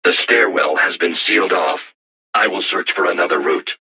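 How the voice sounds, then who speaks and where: A male actor voices a solemn, self-aware robot war machine, young yet erudite, for scripted video game dialogue. Robotic processing makes the voice very deep, and the diction is formal, measured and stilted like a machine's. The mood is solemn and formal, with noise in the background.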